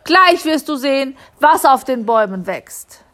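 Woman putting on a shrill middle-aged mother, high-pitched, loud, scolding. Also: expressive, measured pace. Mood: angry scolding. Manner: shrill, raised voice.

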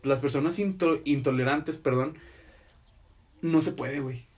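A man's voice: on the high side, measured pace, a little mellow. A young man with a Mexican accent chatting casually as a podcast co-host, explaining things in slangy, profane language. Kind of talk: casual chat.

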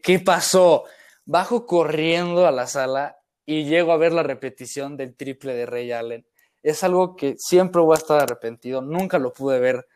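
A young man with a Mexican accent talks casually as a podcast co-host. He often circles back and restarts his thoughts. His voice is smooth and clear at an average pitch. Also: a little mellow. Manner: rambling and reflective, with frequent restarts. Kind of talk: casual chat.

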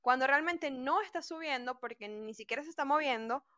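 Female interviewer from Venezuela, high and bright, dry close sound, restates points to check them. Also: a little fast, no room sound. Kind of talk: interview questioning.

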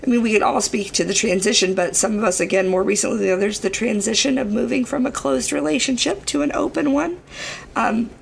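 Podcast host, woman, badly hoarse and gravelly, fairly high voice, casual, playful, sweary. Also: a little hiss or hum, rough recording. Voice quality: hoarse, shot voice from overwork.

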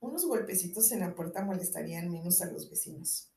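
A woman's voice: mid-range voice, expressive, normal speed, a little mellow, far from the mic, a little hiss or hum, close to an everyday voice. A woman reading the lines of a drowsy young female employee who is politely teasing her boss, in an audiobook with a roomy echo. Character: sleepy young woman employee, dry and cheeky.

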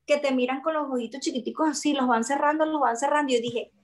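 A Venezuelan woman chatting as an interview guest, telling stories in an expressive, animated way and acting out what others said. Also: high voice, fast. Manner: expressive, animated storytelling with quoted voices. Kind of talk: casual chat.

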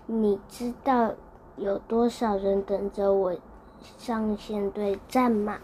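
A woman's voice: mid-range voice, level tone, takes it slowly, dark tone, slight background noise, close to an everyday voice. A woman voicing a young boy hooked on phone games in a storybook, offhand and dismissive.

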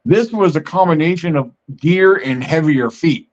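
A man with a fairly high voice talks in a loose, meandering way, as if chatting with a guest on his own show. The recording sounds muffled and lo-fi. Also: normal speed, a little mellow. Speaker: podcast host. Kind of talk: casual storytelling. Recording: muffled lo-fi audio.

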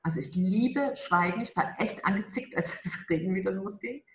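A woman speaks as a charisma coach in an interview, stressing her points and slowing down on the words that matter. Her voice sits at an ordinary pitch. The room gives her a noticeable echo. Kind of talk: conversational interview.

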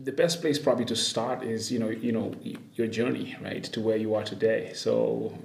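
A man hosting a podcast interview, upbeat and quick to laugh, with many fillers. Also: fairly low pitch, steady tone, gravelly. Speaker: podcast host. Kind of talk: casual interview. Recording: echoey room.

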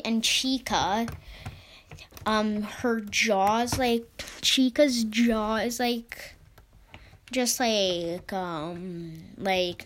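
Halting, slow-paced casual podcast host. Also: mid-range voice, fairly bright tone, a little hiss or hum. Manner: hesitant, halting, frequently trailing off mid-thought. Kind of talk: casual fan theory commentary.

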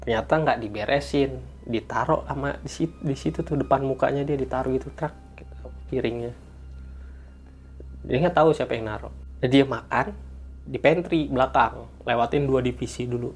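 A man tells office ghost stories in a relaxed, chatty way. He acts out sounds with little clicks and hums, and his voice sits at an ordinary pitch. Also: moderate pace, husky. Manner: animated, acts out sounds with small noises. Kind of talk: casual storytelling chat.

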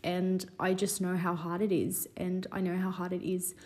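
Speaking at normal speed in a lowish, monotone voice, this twenty-something woman talks through her solo podcast. Still getting over a cold, she's slightly stuffy, and her warm, earnest rambling is full of "you know."

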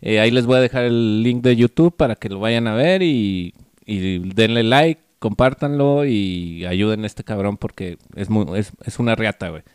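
Clear-voiced northern Mexican man, dry sound. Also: fairly low pitch, normal speed, darkish tone, no room sound. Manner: profane, slangy. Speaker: podcast co-host. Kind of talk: casual chat.

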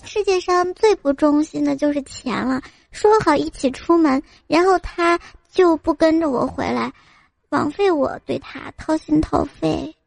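A woman's voice: high voice, a little slow, creaky, voice pushed up. A woman voicing a whiny young woman who mourns her lost money, over background music. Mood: mock-mournful.

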